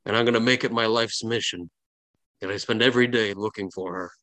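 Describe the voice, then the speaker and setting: Man acting a gruff old salty sea captain. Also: fairly low pitch, steady tone, fairly quick, a bit bright, close to an everyday voice, low-quality recording. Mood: grieving. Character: aged sunburned old salty sailor captain, fierce, heartsick.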